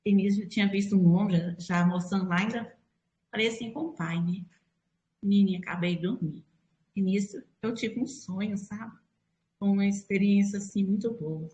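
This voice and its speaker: A woman's voice: medium pitch, fairly even intonation, normal speed, mellow. Woman telling a faith testimony, echoey. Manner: storytelling, acts out her quoted dialogue. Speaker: church member giving testimony. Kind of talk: spoken religious testimony.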